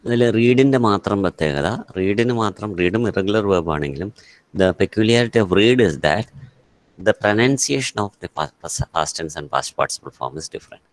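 A man's voice: lowish voice, lively intonation, slow, no echo. A man with a Malayali accent teaching English grammar in an online class, switching between Malayalam and English and calling on students by name.

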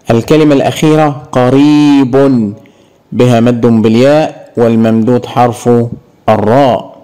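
A man with an Egyptian Arabic accent teaching a grammar lesson, slowly stretching out syllables to demonstrate sounds. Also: on the high side, mellow, poor audio.

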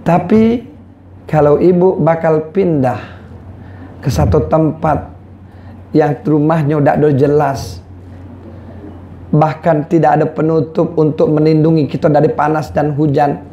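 A man with a Palembang Malay accent preaching a sermon, swinging from loud calls to low, quiet lines. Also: fairly even intonation, measured pace, pauses often, lo-fi sound, a little hiss or hum.

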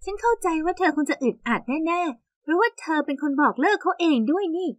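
A woman voicing a chatty young woman, her ex-boyfriend's sister, who speaks frankly in an animated story. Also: extremely high pitch, fairly quick, dry recording.

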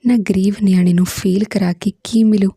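A woman's voice: medium pitch, fairly even intonation, breathy edge, no echo, clean studio sound. A woman reading the lines of a bossy, hot-tempered female teacher who speaks sharply and gives orders. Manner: sharp, commanding, quick to anger.

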